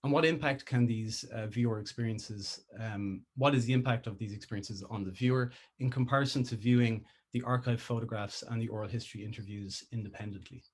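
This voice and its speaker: A man from Ireland presenting his doctoral research over a video call, pausing often with filler sounds. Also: lowish voice, steady tone. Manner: hesitant, many filler sounds. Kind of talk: academic conference presentation.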